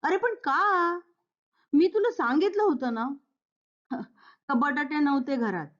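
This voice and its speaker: A woman's voice: high voice, lively intonation, takes it slowly, highs cut off, pitched above the performer's own voice. A woman voicing an impatient, demanding young husband in a Marathi play reading. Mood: exasperated. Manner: demanding, exasperated.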